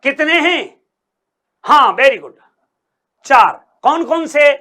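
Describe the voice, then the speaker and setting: A man leads a grammar lesson in a high, bright voice. He speaks slowly and deliberately, sounding out each letter. He repeats key phrases over and over and fires questions back at the class. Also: sing-song. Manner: addresses students as sir and brother. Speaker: coaching teacher. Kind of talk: Hindi grammar lecture.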